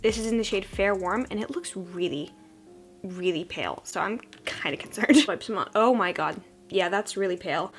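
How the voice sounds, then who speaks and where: A woman's voice: medium pitch, normal speed. Froggy-voiced young woman chatting casually. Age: young adult. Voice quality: froggy, congested sick voice. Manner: chatty, self-deprecating. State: sick with a cold-like hoarseness. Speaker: beauty vlogger. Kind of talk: casual chatty get-ready-with-me talk.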